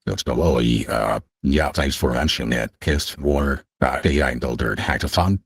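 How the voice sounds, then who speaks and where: Brief: male guest through voice changer, extremely deep, gravelly and husky, slow and halting. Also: dry recording, clean studio sound. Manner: halting, many fillers. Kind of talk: casual chat.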